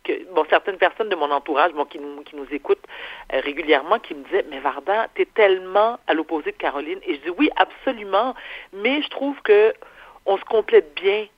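With a Quebec French accent, a female radio columnist chats casually but assertively, repeating phrases to drive points home. Her voice is fairly low and a little quick, with no echo. The audio is dull and lo-fi, like a phone or remote link.

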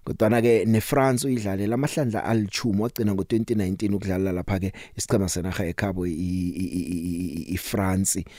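A South African man hosting a sports radio show, talking through news and interviews conversationally with drawn-out pauses. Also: sits low, fairly even intonation, mellow, dry recording, clean studio sound.

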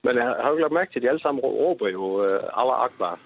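A man's voice: medium pitch, animated, no room sound. Man on a tinny phone line. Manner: hesitant, insistent, many fillers and restarts. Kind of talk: heated debate.

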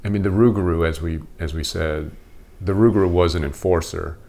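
A man's voice: sits low, brisk, creaky, dark tone. A man interviewing a guest in a casual, conversational style.

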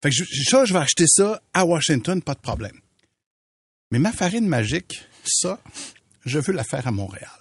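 A man's voice: fairly high pitch, moderate pace, husky, no echo, studio quality. A man with a Quebec French accent hosting a radio show, telling a story in casual chat and laughing as he goes. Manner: animated, laughs while telling stories.

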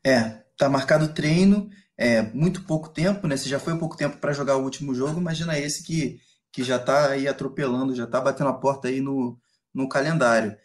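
A man with a Brazilian accent giving casual football analysis as a reporter, in halting, pieced-together phrases. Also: mid-range voice.

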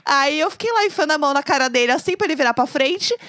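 A woman's voice: high-pitched, animated, quick pace, a bit bright. A woman from Brazil with a Brazilian Portuguese accent, telling a story in casual chat, acting out the lines she quotes and laughing often.

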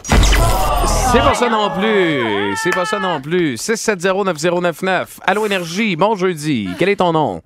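A man with a Québécois accent hosting a morning radio show, running a phone-in game with quick, teasing banter. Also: high-pitched, expressive, over loud music. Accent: Québécois French.

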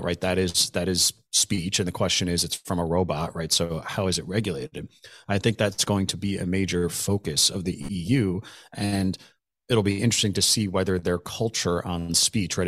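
A man with a deep voice hosts a podcast, talking casually and opinionatedly. He keeps checking in with quick asides. The sound is dry and close, with no room around it. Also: fairly bright tone, dry recording. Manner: conversational, frequent "right?" asides. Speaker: podcast host. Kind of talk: casual policy chat.

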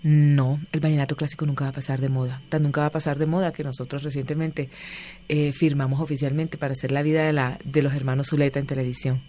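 A woman, a guest in an interview, telling stories in a lively, chatty way and acting out the voices of the people she quotes. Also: low-pitched, fast. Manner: animated storyteller, acts out quoted voices. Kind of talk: casual interview storytelling.

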